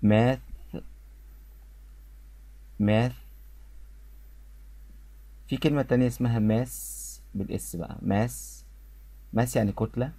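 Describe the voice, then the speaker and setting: Man, Egyptian Arabic accent, English pronunciation lesson, repeats words clearly, dry sound. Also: mid-range voice, mellow, no echo. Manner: repeats each word slowly and clearly for students. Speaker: English teacher.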